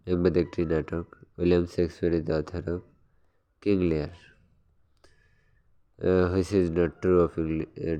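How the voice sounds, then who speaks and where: A man with a deep, dark voice tutors for an exam. He works through quiz questions and answers in turn, reading each question slowly before quick explanatory asides, and hesitates and uses fillers as he goes.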